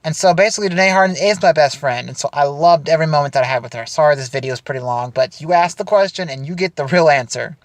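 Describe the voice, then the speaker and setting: A young man telling a funny story casually to the camera for an audition, animated and chatty. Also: a little high, quick pace, hardly any pauses, no echo. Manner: animated, chatty, frequent restarts and laughter. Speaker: audition video speaker.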